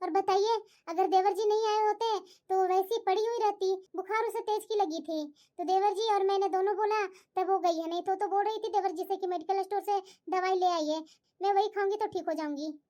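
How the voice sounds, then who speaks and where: A woman's voice: very high-pitched, fairly even intonation, normal speed. A woman voicing a cheerful, coaxing elder sister-in-law in a family cartoon. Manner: bright, chatty, coaxing. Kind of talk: cartoon voice acting.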